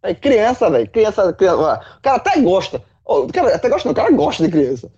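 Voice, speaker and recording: A man, a football pundit in casual chat, animated, swearing and full of folksy analogies. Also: sits high, fast talker, breathy edge, muffled recording. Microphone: remote call.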